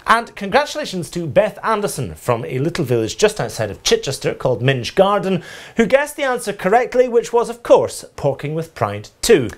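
A smug, deadpan TV news anchor. His voice is slightly high and moves in lively swings. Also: normal speed. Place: TV news studio.

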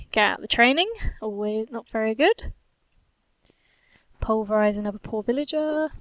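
A woman's voice: on the high side, fairly bright tone, no room sound. A woman giving casual gameplay commentary, playful, cheerfully swearing and humming to herself. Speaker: gaming channel host.

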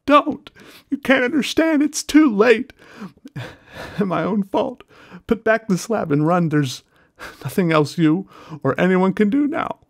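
A man's voice: lively intonation, a little slow, creaky, no echo, clean studio sound, full character voice. A man reading a story aloud, voicing a terrified man trapped underground who whispers shakily and then screams in despair. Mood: frantic screaming. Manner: shaky whispers rising to frantic high screams.

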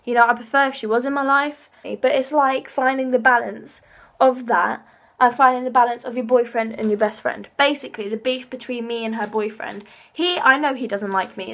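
A woman's voice: on the high side, brisk, a bit bright. An eighteen-year-old woman, rambling and swearing as she vents tearfully to camera in a casual vlog. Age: young adult. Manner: emotional, rambling, swears freely. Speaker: vlogger.

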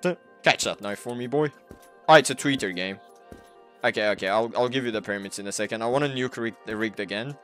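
A young man giving casual, excitable commentary while playing a shooter game, trash-talking and laughing often. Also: fairly low pitch, brisk. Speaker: gaming streamer. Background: anime music.

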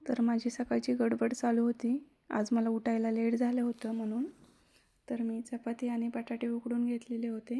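A young woman vlogger narrating her daily routine in a soft-spoken, chatty, reflective way. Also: fairly high pitch, monotone, normal speed. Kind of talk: casual daily vlog narration.

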